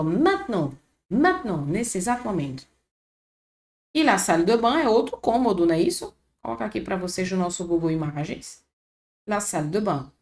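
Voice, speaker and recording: A Brazilian woman gives a casual video lesson in French, with a Brazilian Portuguese accent. She explains patiently and repeats each word, and her pitch rises and falls a lot. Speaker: French teacher.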